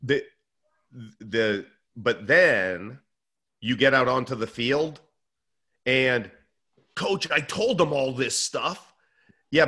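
Bright, energetic American man telling stories. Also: medium pitch. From Northeast US. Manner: energetic, acts out dialogue with kids. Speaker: podcast guest, leadership author. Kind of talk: animated storytelling in conversation.

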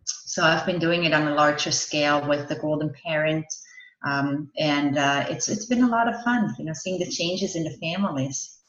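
Speaking at an ordinary pace, this low-pitched woman has a fairly bright tone. She's a parenting coach from Austria, appearing on a podcast to earnestly explain what she does, with bits of laughter between her answers. The audio is lo-fi, dull, and roomy.

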